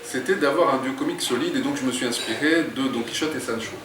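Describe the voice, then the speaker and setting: Author guy in an interview, thinks out loud, pauses a lot, roomy far-off sound, faint hiss. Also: medium pitch. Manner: thoughtful, hesitant, many pauses. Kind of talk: interview and reading aloud. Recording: echoey room, distant mic, faint noise.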